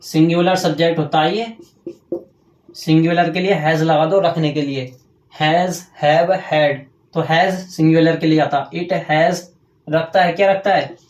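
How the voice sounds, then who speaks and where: A man with a slightly high voice and steady tone teaches grammar in a reverberant classroom. He writes on the board while dictating slowly, walks through each step, and frequently asks questions only to answer them himself.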